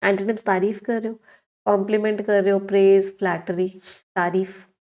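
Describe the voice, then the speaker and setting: A woman's voice: mid-range voice, flat delivery, moderate pace, a little mellow. Hindi-English mixing woman teacher. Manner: explains words in Hindi mixed with English, asks the class questions. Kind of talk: online exam-prep lesson.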